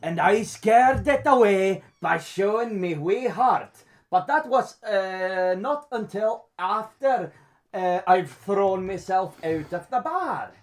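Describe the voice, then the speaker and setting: A man doing a slow, crude pit brawler. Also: high-pitched, lively intonation, heavily acted. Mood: boastful. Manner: boastful, blunt, crude. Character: hard-drinking brawling male pit fighter. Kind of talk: in-character roleplay interview.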